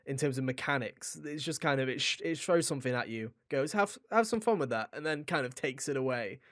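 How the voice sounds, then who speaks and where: A man co-hosts a video game podcast, reviewing games in a casual, rambling, joking chat. His mid-range voice is animated, a little fast, and a bit bright. The recording is dry and studio quality.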